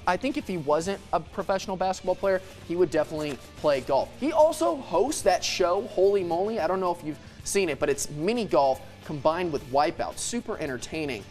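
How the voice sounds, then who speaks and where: A man trades playful, teasing banter on a TV sports debate show. His voice is slightly high and swings lively up and down. Faint music sits underneath. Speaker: TV sports co-host. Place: TV studio.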